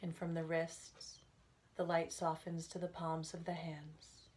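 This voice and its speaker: A woman's low voice, delivered flatly, carries a guided relaxation. As a meditation instructor she stays gentle and calming, speaking in slow phrases punctuated by pauses.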